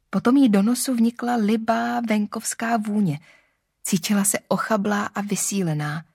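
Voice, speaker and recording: A woman narrates a classic novel in a calm, steady voice. Her pitch sits in a middle range, and the recording is dry and close with no room echo. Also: slightly rough. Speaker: audiobook narrator.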